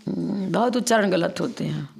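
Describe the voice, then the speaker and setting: A woman's voice: lowish voice, vocal fry, a crowd in the background. A woman, a nun, giving a religious discourse and explaining step by step how to recite verses. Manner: explains step by step, acts out chanting slowly. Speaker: Jain nun teacher.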